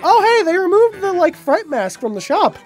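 A man's voice: very high voice, sing-song, normal speed, faint music behind. Sarcastic playful man co-hosting. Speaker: let's play co-host. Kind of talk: casual gameplay commentary.

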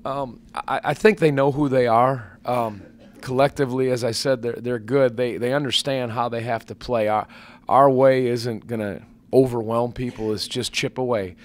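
At a postgame press conference, a basketball head coach in his forties answers questions into a table microphone in front of a sponsor backdrop. His mid-range voice stays steady, measured, and earnest, though he uses many fillers and restarts.

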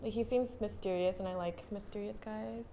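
A woman's voice: mid-range voice, fairly even intonation, moderate pace, a crowd in the background. A woman panelist in casual commentary chat, giggly and teasing.

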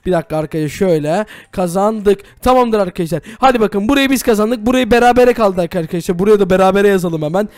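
A man hosting a Minecraft role-play video, energetic and constantly addressing viewers. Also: high voice, fast, hardly any pauses, no room sound, clean studio sound. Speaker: host.

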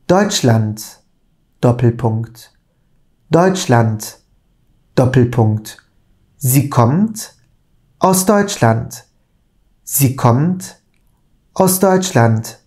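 A middle-aged man, a native Turkish speaker, teaching German through a slow, deliberate dictation lesson, repeating each phrase, recorded on a lapel mic in a small room. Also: medium pitch, darkish tone. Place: small indoor room at a desk.

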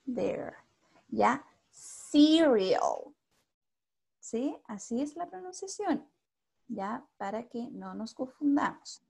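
A high-voiced Chilean woman teaches over a video call, speaking slowly and patiently. Her voice has a gravelly, husky edge. She keeps checking in with her pupils and slips English into her Spanish. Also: big pitch swings. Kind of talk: online class teaching.

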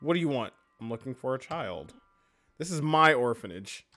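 A man's voice: mid-range voice, expressive, moderate pace, sharp tone, faint music behind. A man voicing a weary male orphanage keeper from a game, read aloud in plain game dialogue. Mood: fussing.

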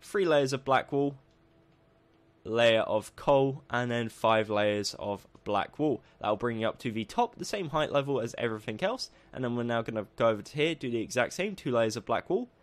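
Lively and upbeat, a man with a croaky mid-range voice talks viewers through a building tutorial over game footage, slowing whenever he goes through the list of steps.

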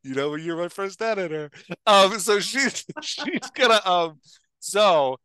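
Speaking slowly in a high, animated voice with a sharp, clear, resonant tone, this man in his forties explains things casually, restarting his sentences as he thinks aloud. He's a podcast host and writing coach on a headset mic, indoors on a video call, in a dry recording.

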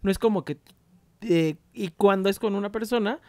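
Young Mexican man, podcast co-host, high voice, teasing banter, dry close mic. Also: moderate pace, no echo. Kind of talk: casual comedy podcast chat.

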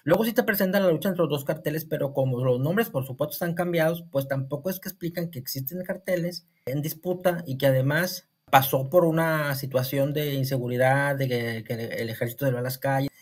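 A man's voice: a little high, fairly quick, hardly any pauses. A man from Monterrey with a northern Mexican accent, talking through a series review in a casual, rambling way, full of restarts and "o sea".

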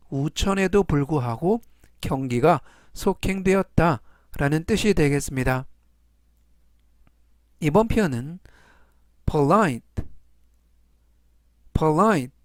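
Slow, deliberate man teaching vocabulary. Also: fairly high pitch, a little mellow, no room sound, studio quality. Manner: repeats each word three times, reads English very slowly.

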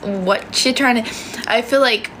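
Livestreaming on a close-held phone in her small bedroom, a young adult woman from Sweden chats casually in a Swedish accent, responding to viewer comments, swearing freely and switching languages. Her voice is on the high side, unhurried and fairly bright, in a rough recording with slight background noise.

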